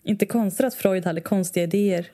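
A woman's voice: mid-range voice, warm tone. A woman with a Stockholm accent co-hosting a podcast in casual banter, chiming in with short, wry remarks. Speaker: podcast co-host.

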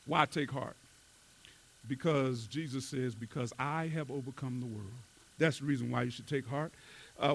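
A man preaching a sermon, telling a story that climbs from quiet talk to shouted emphasis. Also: high voice. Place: church.

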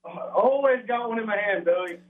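A man's voice: high-pitched, fairly quick. A man heard through a phone on speakerphone, answering in a laid-back, friendly way from a shed in the woods. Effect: heard over a phone on speakerphone. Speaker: podcast guest on the phone. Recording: tinny phone line.

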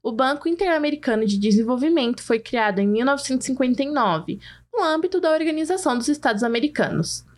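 A woman's voice: high-pitched, animated, fast talker. A woman co-hosting a news podcast, reading scripted explanations in a friendly way and talking straight to listeners.

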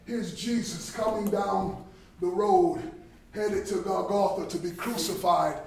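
A man giving an animated sermon at a Bible study, swinging between shouts and quiet passages. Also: high-pitched, unhurried, vocal fry. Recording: echoey hall, distant, faint noise.

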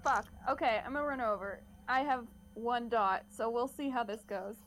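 A woman playing a tabletop game, animated and swearing often. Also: on the high side, normal speed, a little hiss or hum. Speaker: player.

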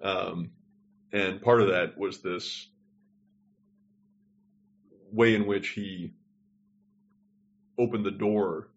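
A podcast co-host speaks extremely slowly in a low, gravelly, steady voice, pausing often. The lo-fi audio comes from a remote call, and his casual discussion is digressive and thought out aloud.

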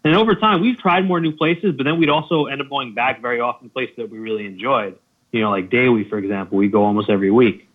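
A man chatting casually as a guest about food vlogging, relaxed and laughing often. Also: medium pitch, fast talker. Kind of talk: casual chat. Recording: tinny phone-like line.

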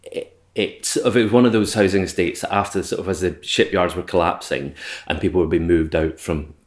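Deep scottish guy in his 40s chatting on a podcast, lots of ums and restarts, thinking out loud. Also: steady tone, a little fast. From Scotland. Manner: hesitant, many fillers and restarts, reflective. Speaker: interview guest. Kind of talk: casual conversation.

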